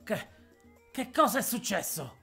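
A woman voicing a frantic young male goblin in a fantasy audio story, shrill and yelling. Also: big pitch swings, a little slow, vocal fry, slightly rough, faint music behind, full character voice. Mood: confused.

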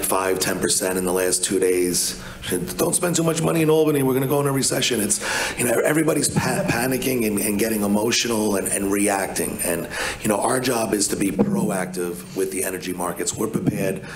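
An energy advisor on a panel in a large hotel conference room speaks in a somewhat low male voice. He's blunt and chatty, restarting often and leaning on "you know." The audio is poor and full of reverb.

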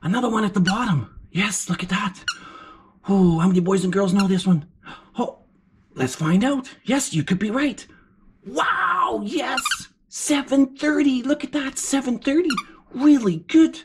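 A woman voicing an excitable, encouraging furry puppet as a kids show host, with gasps and exclamations while teaching children. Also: a little high, measured pace. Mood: excited, encouraging. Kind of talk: children's lesson, sing-out praise and questions. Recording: clear background noise.

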